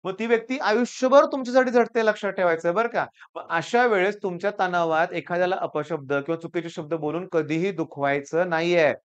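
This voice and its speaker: A man's voice: high voice, brisk, hardly any pauses, clear, resonant tone, dull audio. A man with a Marathi accent giving an earnest motivational talk to students as their tutor, often repeating "I tell you".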